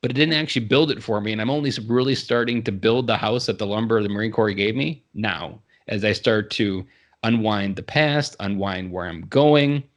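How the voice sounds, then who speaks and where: A man's voice: fairly low pitch, brisk. A man in his thirties, a podcast guest, telling his story in an earnest, reflective way. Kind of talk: casual interview conversation.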